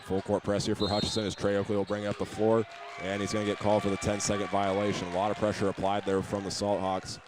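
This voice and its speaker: Fast and monotone, with few pauses, an American announcer with a fairly low voice narrates a basketball game live. Background noise fills the clip as he describes each play as it happens.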